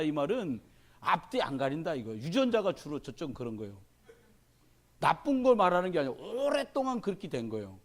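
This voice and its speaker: A male pastor preaching in a folksy, humorous way. His voice sits fairly high and swings widely in pitch as he slips into the voices of the people he quotes. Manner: animated storyteller who acts out quoted voices. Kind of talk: sermon.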